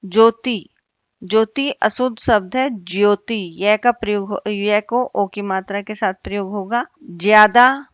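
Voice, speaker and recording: Slow, deliberate woman teaching Hindi grammar. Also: medium pitch, fairly even intonation, no echo, dull audio. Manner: slow and deliberate, repeating each word and asking questions. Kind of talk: slow online grammar lesson.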